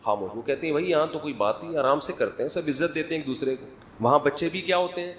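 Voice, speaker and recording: Joking preacher, fairly high voice. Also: male voice. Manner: conversational, humorous, prods the audience for answers. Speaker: religious scholar. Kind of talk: sermon.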